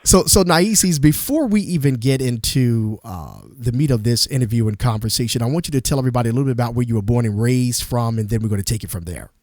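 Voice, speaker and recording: A man's voice: medium pitch, quick pace, hardly any pauses, a little mellow, no room sound, clean studio sound. A man hosting a gospel radio show, talking with enthusiastic, emphatic, repetitive energy.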